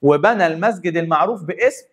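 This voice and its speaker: A young man with an Egyptian Arabic accent teaching a history lesson, telling it as a lively story and repeating key points. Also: a little high, quick pace, breathy edge. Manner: animated storyteller, repeats points and chants rhyming memory lines. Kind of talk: energetic classroom history lesson.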